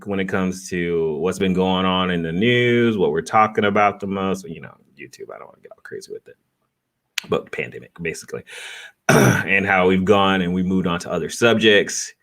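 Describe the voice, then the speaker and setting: A man's voice: low-pitched, normal speed, fairly bright tone. A man giving a casual, off-the-cuff reaction as a vlogger, talking in a loose, slangy, rambling way.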